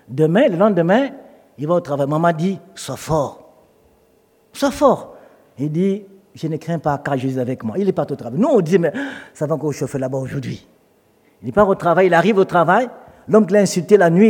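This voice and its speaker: A man's voice: on the high side, long reverb tail. A man preaching a sermon in French, telling stories and acting out the voices of the people in them. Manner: animated storytelling, acts out quoted voices.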